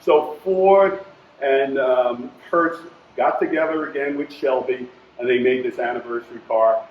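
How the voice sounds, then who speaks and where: A man's voice: mid-range voice, a little slow, slight background noise. Older man telling car stories. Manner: animated anecdote teller, acts out quoted voices. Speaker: car collector guest. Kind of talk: casual storytelling interview. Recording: roomy, dull sound with faint ambience.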